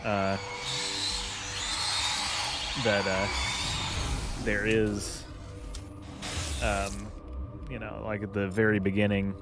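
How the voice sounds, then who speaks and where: A man's voice: on the low side, completely flat delivery, drawn-out words, pauses often. A man giving casual, rambling commentary over gameplay, with many fillers. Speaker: gaming channel host. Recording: game audio and music behind voice.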